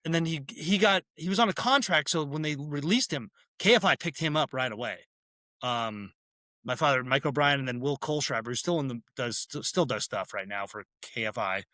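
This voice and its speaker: Bright-voiced man rambling in an interview. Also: medium pitch, no echo. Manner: rambling, self-correcting, quick laughs. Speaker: guest, head brewer and former radio DJ. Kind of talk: casual interview chat.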